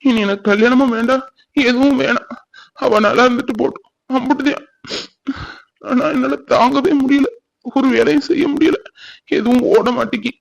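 A brooding, heartbroken young villager, voiced by a man,. His cartoon voice sits fairly high and comes out mournful, pleading and slow with tears. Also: fairly even intonation, fairly bright tone, no room sound, close to an everyday voice, low-quality recording. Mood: tearful. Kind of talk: cartoon voice acting.

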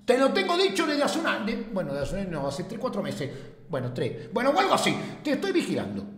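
A man giving loud, jokey, slang-heavy reaction commentary, swinging between shouts and mumbles. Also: high-pitched, wildly swooping pitch, a little fast, reverberant, in a large hall. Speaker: reaction streamer.

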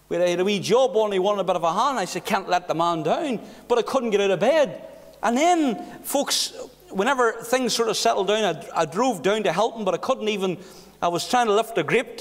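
A middle-aged man from Northern Ireland, his voice sitting high, preaches a sermon with a personal story from behind a wooden pulpit in a church hall. He is earnest, using rhetorical questions and hushed passages. A pulpit mic picked up by a far camera leaves the sound echoey.

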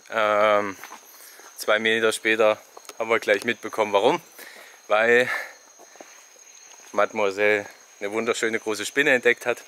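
This is casual walking-vlog commentary from a young man in a rainforest park, his mid-range voice picked up by a selfie camera held out at arm's length. Slight background noise sits under his laid-back, talkative travel tips.

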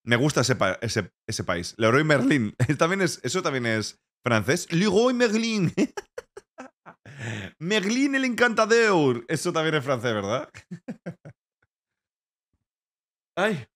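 A man's voice: fairly high pitch, sing-song, slow, pauses often, fairly bright tone. A man from Spain streaming live, chatting casually and joking, with playful mock-French and bits of other languages. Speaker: Twitch streamer.

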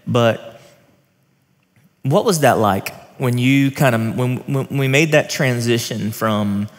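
A man's voice: medium pitch, takes it slowly. A man in his thirties, a pastor, interviewing a colleague in a friendly, informal way on a church stage with a headset mic. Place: church stage set with armchairs. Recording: long reverb of a large hall.

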